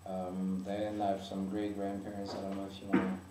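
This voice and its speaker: In heavy background noise and an echoey room, heard from afar, a young French man whose mother tongue is French fields interview questions in English. His low voice is completely flat and fairly quick, and he hesitates constantly, stumbling through fillers and restarts.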